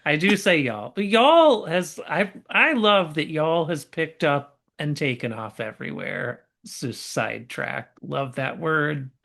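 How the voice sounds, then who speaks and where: Oklahoma woman, bit of a drawl left, talks real slow, laid back podcast banter. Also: low voice, lively intonation, vocal fry, a bit bright. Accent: faint Oklahoma drawl. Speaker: podcast co-host. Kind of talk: casual chat.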